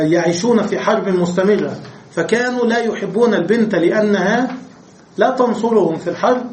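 High-voiced man teaching Arabic grammar. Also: darkish tone. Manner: explains step by step, asks the class rhetorical questions. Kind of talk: classroom grammar lesson. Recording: echoey room with faint noise.

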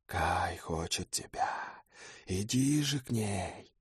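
A man's voice: medium pitch, lively intonation, slow pace, no echo, clean studio sound. A man voicing a ravenous female harpy in an audiobook, who shrieks and then hisses in a whisper. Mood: hissing whisper. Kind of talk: audiobook character voice.

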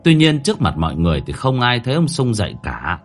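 A man narrating a horror story in a dramatic manner, slowing down at tense moments. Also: mid-range voice, very animated, soft background music.

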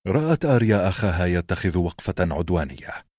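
A man narrating an audiobook in a measured storytelling voice. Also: low-pitched, sing-song, darkish tone, dry recording, studio quality. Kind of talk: scripted narration.

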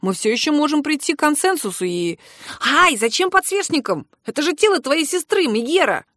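A woman's voice: sits high, sing-song, a little fast, fairly bright tone, no echo, studio quality, voice pushed up. A woman voicing a cheeky young prince trapped in a woman's body, speaking in a teasing, mocking way. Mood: panicky.

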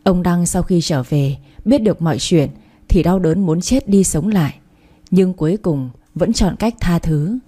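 A woman's voice: on the low side, a little slow, mellow, husky. A woman reading a dramatic story aloud as narrator, acting out the angry scenes.

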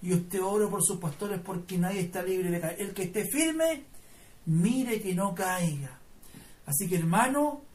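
A man's voice: sits high, a little slow, a little mellow, far from the mic. A man preaching a live sermon in Chilean Spanish, fervent and folksy, calling his listeners brother as he tells a personal testimony. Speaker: pastor. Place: church service.

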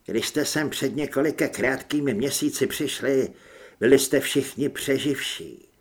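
A man's voice: mid-range voice, husky, close to an everyday voice. Brief: male reader as a stern commander rallying new hunters. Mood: rousing. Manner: rousing, measured, speech-giving. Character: stern male leader addressing recruits.

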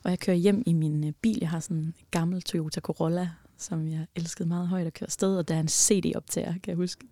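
A young woman telling a personal story as a podcast guest, animated and emotional, with many fillers. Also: fairly low pitch, hardly any pauses, no echo.

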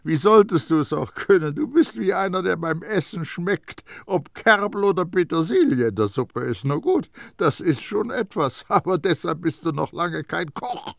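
A man voicing a stern, blustering elderly master perfumer who scolds and mocks loudly, in an audiobook. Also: high voice, expressive, normal speed, creaky, few pauses, dry recording, studio quality, voice pushed up. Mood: mocking. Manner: loud, scolding and mocking. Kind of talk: audiobook character voice.

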